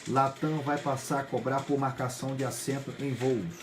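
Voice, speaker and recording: A man with a Brazilian accent, hosting a news program and reading a run of headlines in a brisk delivery with occasional slips. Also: mid-range voice, fairly even intonation, slight background noise. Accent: Brazilian Portuguese. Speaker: news host.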